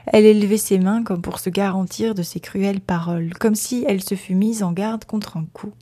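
A woman narrating a period novel aloud in a measured, expressive storytelling manner. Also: medium pitch. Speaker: audiobook narrator. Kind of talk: literary audiobook reading.

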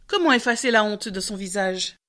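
A woman narrating a folk tale in a measured, expressive storytelling manner. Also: medium pitch.

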